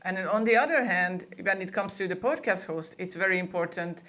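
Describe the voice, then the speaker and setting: A woman speaks in a fairly low voice. She talks in a chatty, easygoing way, often restarting her phrases. She sounds like a guest on a remote interview. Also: brisk, a bit bright. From Hungary. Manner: chatty, with frequent laughs and restarts. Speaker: podcast booking agency co-owner, guest. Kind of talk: casual interview conversation.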